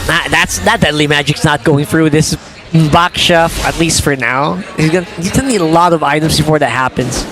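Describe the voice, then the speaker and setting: A man's voice: on the high side, fairly quick, music in the background. A man giving live analysis and reactions as an esports co-commentator.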